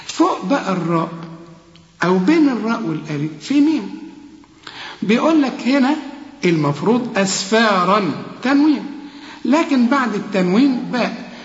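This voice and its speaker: High-voiced Egyptian man coaching recitation. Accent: Egyptian Arabic. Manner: coaching, demonstrates words slowly and repeats them. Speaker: Quran recitation teacher. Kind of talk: tajweed lesson, one-on-one drilling. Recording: echoey hall, dull lo-fi sound.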